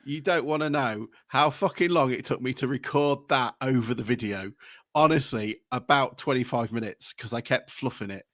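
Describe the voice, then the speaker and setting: A man's voice: medium pitch, normal speed, a bit bright, no room sound, clean studio sound. A man from England hosting a football podcast, chatting casually, laughing often and swearing now and then. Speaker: podcast host. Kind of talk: casual podcast chat with a read presentation segment.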